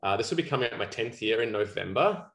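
A man's voice: fairly low pitch, animated, fast, fairly bright tone, roomy sound. A man with an Australian accent, a guest on a podcast talking in a friendly, chatty way with lots of "uh" fillers. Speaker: guest, commercial photographer. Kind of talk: casual podcast conversation.

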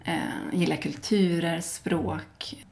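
A woman's voice: lowish voice, steady tone, gravelly, darkish tone. A woman from Sweden, a guest in a casual interview, talking at length with many fillers and restarts.

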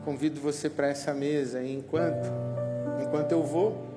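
A man's voice: fairly high pitch, fairly even intonation, moderate pace. A male pastor preaching a passionate sermon and leading the congregation in prayer. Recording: echoey hall with loud guitar music behind. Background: guitar music.

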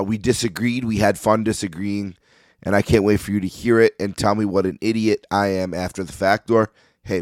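Man, podcast host, lowish pitch, slightly hoarse tired-out voice, casual opinionated delivery, dry close sound. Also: no echo. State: slightly hoarse, losing his voice. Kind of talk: casual sports podcast monologue.

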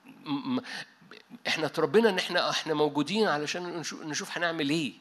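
A man with an Egyptian Arabic accent delivers a sermon in an animated style, slipping into English now and then. His voice sits a little high and rings with a bright, forceful edge. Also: racing. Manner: animated preaching with English asides and frequent restarts. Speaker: pastor. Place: church meeting hall.

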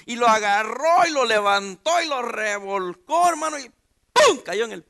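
A very high-pitched man with a gravelly edge and a bright, sharp tone preaches. He keeps the sermon loose and conversational, cracking jokes and tossing questions to the congregation in a church. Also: expressive, moderate pace. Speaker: pastor. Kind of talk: informal sermon.

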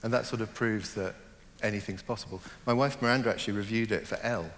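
This middle-aged novelist, born in Germany and brought up in Hong Kong, explores his ideas in a reflective interview with plenty of fillers and false starts. His voice is on the low side, steady, fast and a little bright. The large hall adds slight background noise.

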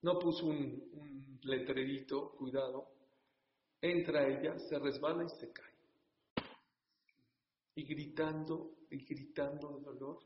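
A man's voice: a little high, fairly even intonation, takes it slowly. A man telling a religious story dramatically to a congregation, speaking to the listeners directly. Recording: echoey hall, dull sound.

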